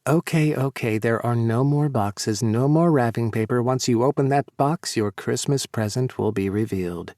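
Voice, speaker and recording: A male narrator voicing a teasing, playful young man who is the narrator's lover, in a slightly lower and slower delivery. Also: darkish tone, no echo, studio quality, close to an everyday voice. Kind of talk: audiobook character voice.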